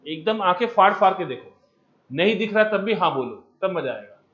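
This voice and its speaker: Teacher, male, high voice, coaxing and energetic, dull lo-fi sound, empty classroom. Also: a little fast. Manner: coaxing, keeps asking students to answer; mixes English terms into Hindi. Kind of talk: energetic physics lecture.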